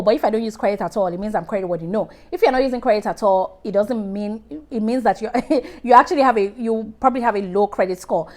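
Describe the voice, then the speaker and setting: A woman's voice: medium pitch, darkish tone. A woman giving casual money advice to camera in a direct, chatty way, often restarting her sentences and calling on viewers by name. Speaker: personal finance vlogger.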